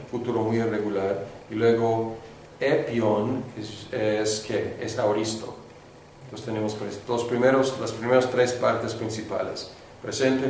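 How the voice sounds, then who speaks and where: A man's voice: fairly low pitch, darkish tone. A man teaching a class as the students repeat after him, hesitant, with many fillers and restarts. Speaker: Greek teacher. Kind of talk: classroom lecture with call-and-response. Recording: echoey room, distant mic, faint hiss.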